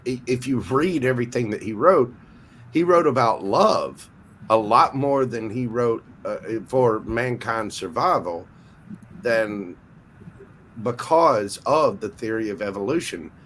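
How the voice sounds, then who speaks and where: A man's voice: mid-range voice, lively intonation, measured pace, fairly bright tone, a little hiss or hum, poor audio. A man in a casual group chat, explaining his view and listing points with emphasis. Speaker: chat participant.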